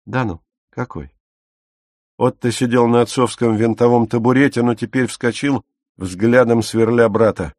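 A man narrating an audiobook in an even, measured reading. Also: medium pitch, no echo, studio quality.

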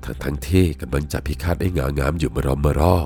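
Soft, faint music underlies this first-person ghost story. It's read by a man whose voice is extremely deep and low, his delivery solemn and measured.

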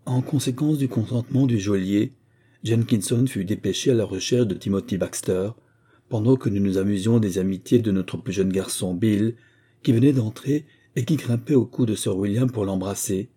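A man reading a classic novel aloud in a steady, formal audiobook narration. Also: fairly low pitch, normal speed, slightly rough. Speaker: audiobook reader.

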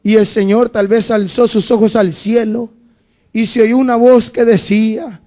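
High-voiced preacher swinging hushed to shouting. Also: male voice, little pitch movement, a little slow. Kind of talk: sermon.

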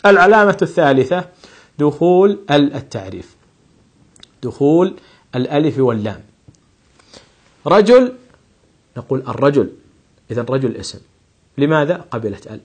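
A man's voice: a little high, very animated, normal speed, long pauses, breathy edge. A man teaching a grammar lesson, patiently repeating examples and asking and answering his own questions.

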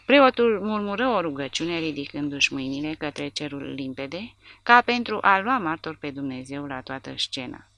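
A woman narrating an audiobook in a measured, dramatic reading. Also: low-pitched, lively intonation, a bit bright, dry recording. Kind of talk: scripted narration.

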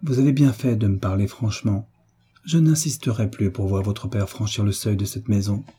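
A man voicing a dignified elderly grandmother who speaks slowly with a touch of haughtiness, in an audiobook. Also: fairly low pitch, mellow, breathy edge. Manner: slow, slightly haughty. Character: dignified elderly Russian grandmother, proud but kind.

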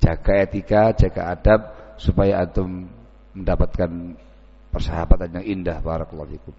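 His voice is low, dark and level, with vocal fry, moving at normal speed as he preaches a dawn sermon. Folksy tales and acted-out village exchanges fill the talk, captured as dull lo-fi audio in an echoey hall.

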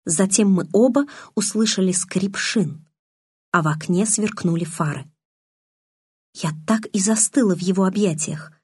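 A woman narrating a novel in the first person, in an even, measured storytelling manner. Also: mid-range voice, slightly rough, no echo, clean studio sound. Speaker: audiobook narrator.

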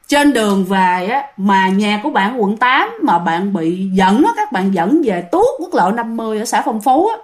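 Chatty Southern Vietnamese woman telling ghost stories. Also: mid-range voice. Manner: chatty, addresses listeners directly, self-correcting. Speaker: ghost story narrator. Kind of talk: casual spoken storytelling.

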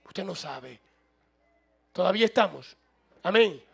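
High, gravelly-voiced preaching man. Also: lively intonation, a little slow, faint music behind. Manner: preaching, rising to loud emphatic bursts, asks the room. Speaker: pastor. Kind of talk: sermon.

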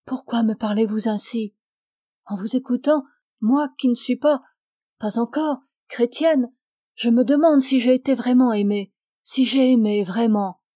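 A troubled young woman wrestles with love and faith, voiced by a woman narrator. Her voice sits fairly high and rises into anxious questions. The pace stays slow and the tone mellow. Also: no room sound, studio quality. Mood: distraught. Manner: agitated, questioning, emotional.

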